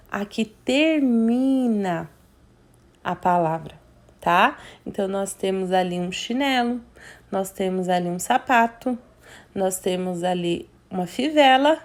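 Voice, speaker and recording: A woman teacher, talking young children through a reading worksheet slowly and patiently, sounding out syllables. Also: mid-range voice. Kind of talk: remote literacy lesson for young children.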